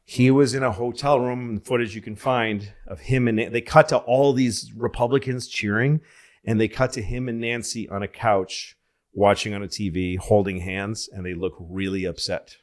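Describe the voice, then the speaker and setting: A middle-aged man from Massachusetts, co-hosting a podcast in casual chat and telling anecdotes in an animated way, acting out the voices of other people. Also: fairly low pitch, normal speed. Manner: animated storyteller, acts out voices in his anecdotes. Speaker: podcast co-host.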